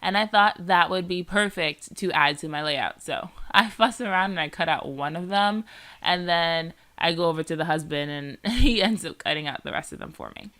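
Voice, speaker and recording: A scrapbooking vlogger with a cold chats casually about her process, her lowish voice nasal and congested. She's expressive and fairly bright at a normal pace, rambling along with lots of "like" and "um."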